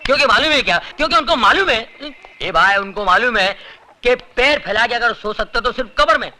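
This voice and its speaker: An actor playing a streetwise young man with Bombay street Hindi who flatters and jokes his way along. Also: extremely high pitch, a little fast, exaggerated voice. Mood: wheedling. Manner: flattering, wheedling, joking.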